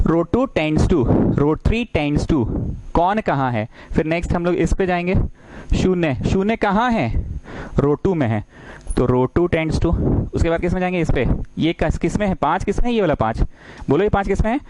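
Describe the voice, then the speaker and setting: A man's voice: on the high side, expressive, normal speed, darkish tone, no room sound, poor audio. A man teaching math in a lecture, playful and full of questions, acting out little dialogues. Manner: playful, acts out little dialogues, keeps asking students questions. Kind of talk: classroom-style lecture.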